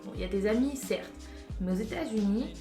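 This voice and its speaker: A woman's voice: mid-range voice, animated, a little fast. Chatty young woman vlogging in an echoey room. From France. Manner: chatty and emphatic, giving advice directly to viewers. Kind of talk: casual vlog chat. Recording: roomy echo with faint music.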